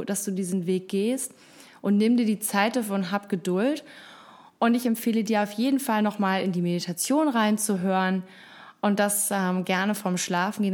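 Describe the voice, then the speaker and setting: A woman's voice: medium pitch, darkish tone. A woman hosting a casual motivational self-help talk, frank and encouraging, with blunt swear words. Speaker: self-help podcast host.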